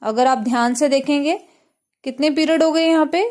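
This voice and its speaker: A woman with an Indian accent teaching a math lesson step by step, mixing English words in and often checking "clear?". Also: high voice, moderate pace, darkish tone. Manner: mixes English terms into Hindi.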